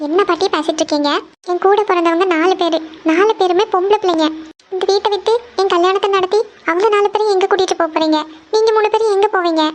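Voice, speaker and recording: A woman plays a young cartoon woman, a worried granddaughter who pleads for her family. Her very high, bright voice is earnest and emotional. She speaks in long heartfelt runs. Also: steady tone, fast. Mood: pleading. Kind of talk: cartoon voice acting.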